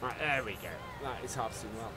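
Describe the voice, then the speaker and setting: A man's voice: medium pitch, quick pace, heavy background noise. A man hosting a live gameplay stream, chatting casually and greeting viewers by name while he plays. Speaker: livestream host.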